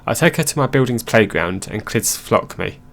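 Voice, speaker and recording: A man narrating online stories aloud in a plain, steady reading voice. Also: fairly low pitch, normal speed, creaky.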